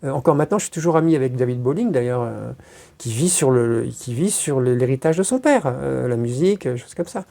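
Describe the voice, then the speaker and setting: Interviewed, a woman spins loose, casual stories full of hesitations and crude slang. Her very deep, dark voice has vocal fry, a brisk pace and lively intonation.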